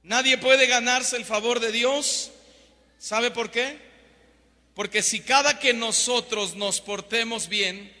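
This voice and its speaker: Male preacher, high bright voice, emphatic sermon in a big echoing hall. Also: slow pace. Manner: emphatic, swings from loud to hushed. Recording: long hall reverb.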